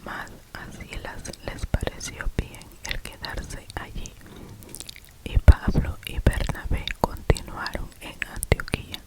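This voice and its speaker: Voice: slow pace, hardly any pauses, low-quality recording. A person reading scripture as ASMR in a cupped-hand whisper, very close to the mic as if into the ear. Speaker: ASMR reader. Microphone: very close to the mouth.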